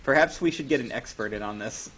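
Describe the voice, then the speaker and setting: A man's voice: mid-range voice, fast talker. A man co-hosting a casual podcast chat, sarcastic and opinionated. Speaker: podcast co-host.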